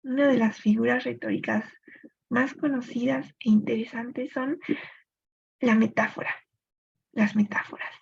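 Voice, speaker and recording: A woman teaching a recorded literature lesson, explaining step by step and pausing to think aloud for examples. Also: fairly high pitch, a little mellow. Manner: clear explanatory pace with thinking-aloud pauses. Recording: dull lo-fi recording.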